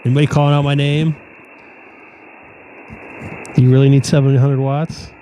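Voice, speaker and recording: A man's voice: medium pitch, flat delivery, moderate pace, warm tone, poor audio. A man who is an amateur radio operator, chatting casually in an informal way. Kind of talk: casual chat. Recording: clear background radio hiss.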